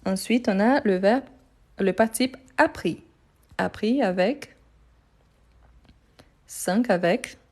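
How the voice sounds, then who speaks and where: A woman's voice: medium pitch, takes it slowly, long pauses, darkish tone. A woman teaching French in a live online grammar lesson, recorded on her phone, patiently repeating answers and praising students.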